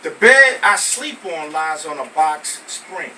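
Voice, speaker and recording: An American man from Brooklyn, New York, performs spoken word poetry in an emphatic, deliberate, expressive style. His voice is bright and slightly high, picked up at some distance from the mic in a live venue with a little hiss or hum.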